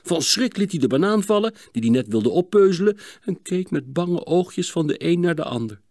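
A man narrating a children's audiobook in an expressive storytelling manner. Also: sits high, moderate pace, no room sound, clean studio sound.

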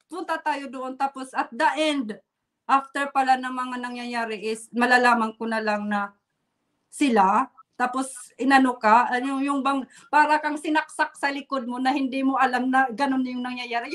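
A Filipina woman from the Philippines, a guest telling a painful personal story in a halting way, holding back tears and laughing nervously. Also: on the high side, fairly bright tone. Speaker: interview guest. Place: Germany.

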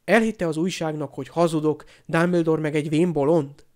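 A man's voice: fairly high pitch, steady tone, a little mellow, lightly acted. A man voicing an angry teenage boy wizard who snaps back with raised, sarcastic retorts.

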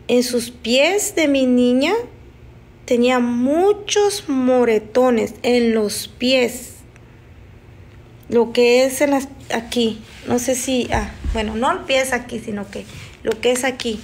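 A woman on a live stream telling a frightening personal story in a halting, emotional way, often restarting her sentences. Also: a little high, darkish tone, a little hiss or hum. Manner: halting, emotional, with frequent restarts and nervous laughs. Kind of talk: casual spoken storytelling.

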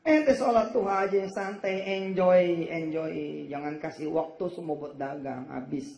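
A man's voice: fairly high pitch, measured pace, vocal fry, darkish tone. A man preaching a humorous sermon, joking and playfully acting out the people he quotes. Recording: echoey, dull lo-fi hall recording.

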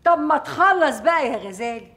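A high-voiced doting mother. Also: animated, fairly quick, a bit bright. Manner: fussing, endearing. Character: doting middle-aged mother, fussing and affectionate. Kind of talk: comedy series acting.

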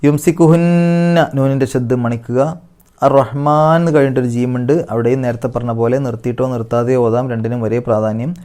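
Male tajweed teacher. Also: little pitch movement. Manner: recites short Arabic phrases slowly and higher, then explains in a lower, softer voice. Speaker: Quran recitation teacher. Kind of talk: tajweed lesson explaining recitation rules.

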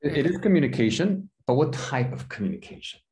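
A man with an American accent teaching an online English class on a video call, gently correcting students and repeating phrases. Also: a little high, big pitch swings, fast talker.

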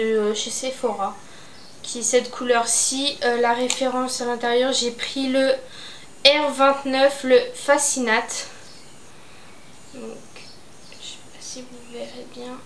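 In a casual haul chat, a young woman who vlogs about beauty talks through her makeup and fashion buys, filling the gaps with hesitant fillers. Her pitch sits fairly high and sounds a bit bright. Faint noise and room echo are audible.

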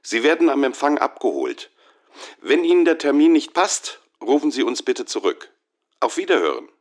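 A man's voice: mid-range voice, sing-song, normal speed, a little hiss or hum, lightly acted. An actor playing a courteous office man leaving a formal, precise answering machine message. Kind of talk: scripted answering machine message for a German listening exercise.

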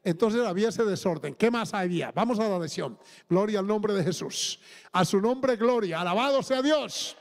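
A man's voice: high-pitched, animated, moderate pace, gravelly, long reverb tail. A man with a Colombian accent, a pastor preaching a sermon and stopping often for praise and questions to the congregation. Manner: preaching with call-and-response interjections.

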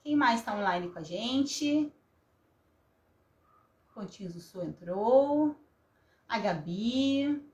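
Craft host, woman in her thirties, animated intonation, casual live delivery, echoey room. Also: fairly high pitch, slow pace, long pauses, muffled recording. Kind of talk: casual live craft demonstration with chat greetings. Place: small indoor craft room at a table. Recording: roomy echo, some background noise, clicks.

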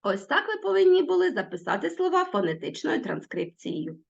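A woman teacher talks her pupils through a recorded lesson. Her fairly high voice swoops up and down in a sing-song way. The sound is a little dull and lo-fi. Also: sing-song, brisk, gravelly.

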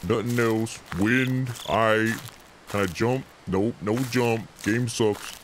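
A man's voice: fairly low pitch, fairly even intonation, slow. Young male gamer, jumpy self-talk commentary, hums when nervous, noisy home recording. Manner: talks to himself, hums nervously, jokey and jumpy. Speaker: let's play gamer. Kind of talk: horror game let's play commentary.

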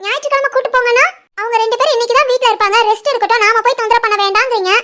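A woman voicing a sulky, stubborn schoolgirl daughter in an animated family story, with a southern Tamil Nadu accent and a whiny, pleading way of talking. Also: extremely high pitch, racing.

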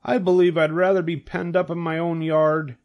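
A man's voice: a little high, flat delivery, normal speed, lo-fi sound, pitched above the performer's own voice, close to an everyday voice. A man voicing a naive, weary young male pig who talks in a plaintive, hesitant way. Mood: worried, gloomy.

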